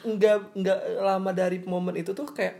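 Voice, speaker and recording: A woman in a casual chat, talking in an animated way and acting out the moods she describes. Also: medium pitch, normal speed, vocal fry, slight background noise.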